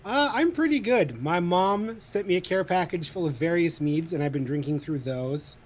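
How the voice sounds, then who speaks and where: Thirties co-host, man, lightish voice, animated, cusses a lot. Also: sits high, moderate pace, slight background noise. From Idaho, USA. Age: 30s. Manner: swears freely, animated, self-deprecating. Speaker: podcast co-host. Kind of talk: casual chat.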